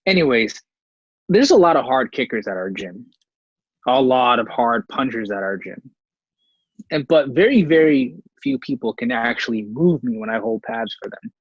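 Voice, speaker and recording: Husky-voiced man on slightly muffled audio. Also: mid-range voice, sing-song, normal speed, dry recording. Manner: easygoing, supportive, chatty with "man". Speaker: podcast co-host. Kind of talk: casual conversation.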